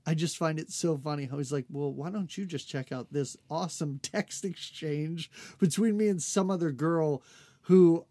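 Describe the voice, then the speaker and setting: A woman co-hosting a podcast, recapping an episode in casual chat, animated, laughing often and acting out characters' lines. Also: low-pitched, moderate pace, no room sound. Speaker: podcast co-host.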